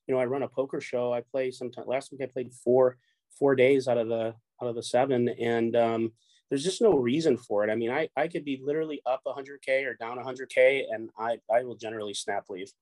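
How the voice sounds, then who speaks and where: A middle-aged Chicago man who runs a poker show talks casually as a guest, his mid-range voice darkish in tone. He rambles, repeating words and swearing freely. The recording is dry.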